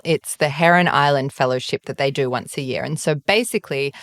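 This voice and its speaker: A low-pitched woman from Australia tells her story with energy, slipping into other people's voices as she goes. The sound is close and dry, with no room around it. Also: no room sound. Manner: animated storyteller, acts out quoted voices. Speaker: guest author. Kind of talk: casual conversation.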